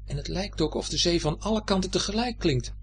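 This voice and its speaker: A man narrating a children's story in an expressive, lively way. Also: high voice, a little fast, a little hiss or hum.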